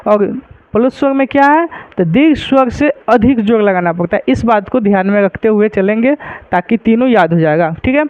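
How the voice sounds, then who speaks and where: A man's voice: sits high, lively intonation, brisk, clean tone, no room sound, highs cut off. A man teaching a grammar lesson to students, repeating points and asking rhetorical questions to check they follow.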